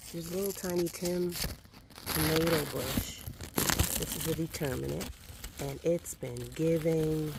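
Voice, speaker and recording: Heavy background noise surrounds the low, gravelly voice of a middle-aged woman vlogging from her backyard garden. She chats with viewers enthusiastically as she works, giving a casual walkthrough.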